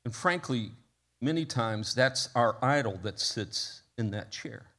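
Male pastor, mid-pitched voice, preaching in a church with building passion and softer prayer. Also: animated, unhurried. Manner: storytelling with rising intensity, then soft prayer. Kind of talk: sermon. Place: church sanctuary.

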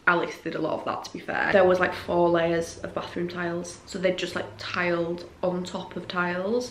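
A woman's voice: lowish voice, roomy sound. A young woman chatting casually to camera at home as a vlogger, informal and rambling, full of "like" and restarts. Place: bedroom or living room in a house, indoors.

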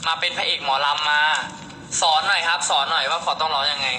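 A man's voice: a little high, fairly even intonation, quick pace, sharp tone. Male live-seller, playful chatter, echoey room, background noise. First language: Khmer. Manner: chatty, reads out viewer comments, playful. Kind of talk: casual live-stream selling chat.

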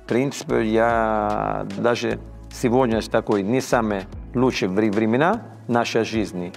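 A gravelly Italian chef in his fifties speaks halting Russian as an interview guest, seated in an armchair on a dark indoor studio set. His lowish voice stammers and restarts as he searches for words in this casual conversation, with faint music behind.

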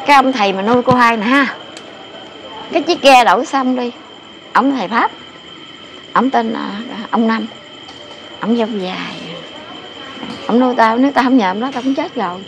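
Older woman, emphatic repetitive storyteller; slightly high voice; noisy outdoor recording with traffic. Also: normal speed, long pauses. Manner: rambling, repeats phrases, emphatic. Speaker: interviewee telling local lore. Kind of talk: casual storytelling. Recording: noisy outdoor ambience with passing vehicles.

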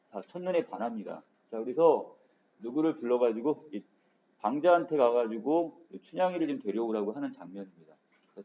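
A man's voice: mid-range voice, dark tone. A male literature teacher giving an online exam-prep lecture in a casual manner, starting sentences with frequent filler words, in a dull lo-fi recording.

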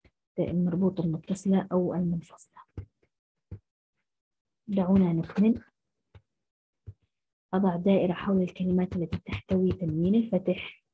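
A woman teacher, giving a first-grade phonics lesson and sounding out syllables slowly. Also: on the low side, level tone, husky. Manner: slow, syllable-by-syllable sounding out of letters. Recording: muffled lo-fi recording.

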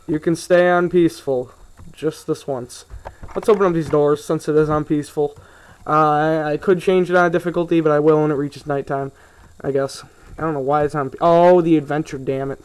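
A young man with a slightly high voice talks through his gameplay in a loose, rambling way. He wanders off topic and grumbles about small annoyances as he builds. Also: fairly even intonation, moderate pace, clean tone. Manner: rambling, easily sidetracked, grumbling asides. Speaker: gaming video host. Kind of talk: casual let's play commentary.

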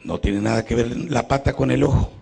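Gravelly Mexican priest preaching. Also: male voice, mid-range voice, a little fast. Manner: preaches to a congregation and swings between loud emphasis and quiet, intimate questions; acts out the people in his stories. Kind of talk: sermon with storytelling.

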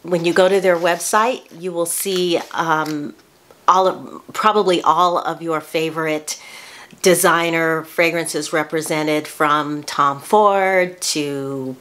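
Chatty older woman, lowish voice. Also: steady tone, slow pace, fairly bright tone. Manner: chatty, with frequent restarts and self-corrections. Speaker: beauty vlogger. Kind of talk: casual product review. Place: small bedroom, indoors.

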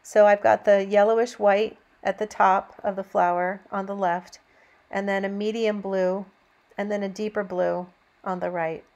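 A woman narrating a painting demonstration as an instructor, in a gentle, encouraging teaching manner. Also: medium pitch, flat delivery, moderate pace, lo-fi sound.

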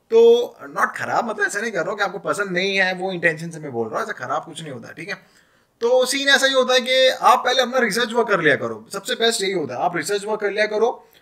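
A man in his thirties with an Indian accent, a footwear dealer and vlogger, gives casual, chatty advice, explaining things and mixing in English phrases. His voice sits high, pushed and bright. He's in a small indoor room, recorded by a camera held at arm's length.

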